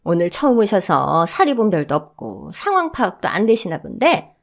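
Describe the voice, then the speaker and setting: A woman voicing a brash, loud middle-aged woman who shouts and insists she owns the building. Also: very animated, normal speed, gravelly. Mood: insistent. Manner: shrill, shouting, indignant.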